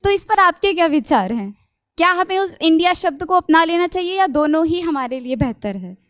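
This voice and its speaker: Polite young woman student, high-pitched. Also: animated, normal speed, a bit bright, no room sound, clean studio sound. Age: young adult. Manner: polite, respectful, admiring. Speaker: student asking a question. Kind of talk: formal audience question. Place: college hall.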